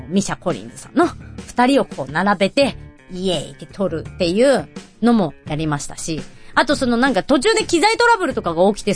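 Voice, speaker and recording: A woman hosting a radio show, telling stories in a bubbly, chatty way and acting out quoted voices with high squeals. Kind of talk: casual chatty storytelling.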